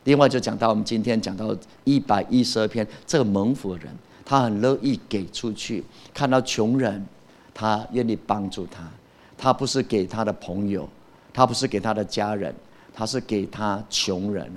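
A man's voice: fairly low pitch, normal speed. A man preaching a sermon as pastor, emphatic, often asking the congregation a question and answering it himself.

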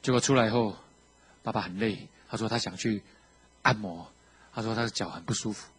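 A man with a Taiwanese Mandarin accent giving a sermon testimony, telling his story with animation and acting out the quotes, shifting between hushed and loud. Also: fairly low pitch, brisk, slightly rough. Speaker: preacher sharing his testimony.

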